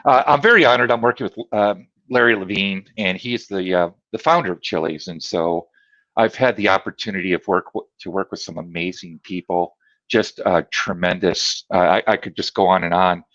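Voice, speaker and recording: A man's voice: sits low, moderate pace, fairly bright tone, dry recording, highs cut off. A man, a guest trainer in a casual interview, talking from his home office in an enthusiastic, rambling way with many restarts. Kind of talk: casual video-call interview.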